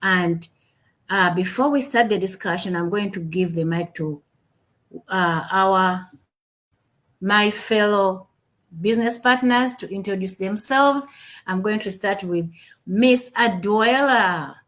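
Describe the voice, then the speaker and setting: Taking her time, a webinar host from Uganda leads a casual livestream on business in a mid-range, fairly bright voice. She sounds upbeat but leans on plenty of fillers and repetitions, picked up by a home computer mic on a video call.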